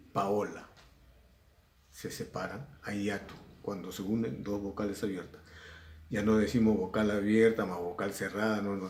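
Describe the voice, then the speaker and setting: Man teaching grammar, from Peru, slow and patient, gravelly low voice, echoey room. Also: darkish tone. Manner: slow, patient, repeats and stretches example words. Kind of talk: recorded grammar lesson.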